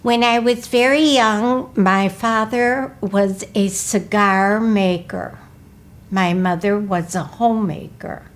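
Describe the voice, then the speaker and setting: A woman in her eighties from Wisconsin, recalling her life in a slow, careful, measured way during an interview. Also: medium pitch, fairly even intonation. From Milwaukee, Wisconsin. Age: 80s. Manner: slow, careful, measured recollection, often asking to repeat. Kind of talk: recorded life-story interview.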